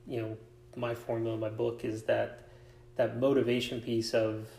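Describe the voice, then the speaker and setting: Man, interview host, gravelly voice, echoey room, reflective questions. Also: medium pitch, flat delivery, normal speed, dark tone. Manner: reflective, asks long rambling questions. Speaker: podcast host, coach and author. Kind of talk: casual interview chat.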